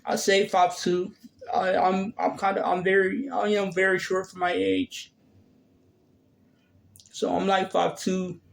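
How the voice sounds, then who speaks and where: A man's voice: high-pitched, completely flat delivery, measured pace, gravelly, long pauses. A man in his thirties answering viewer questions in a casual vlog, hesitant and full of fillers and restarts. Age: 30s. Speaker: vlogger.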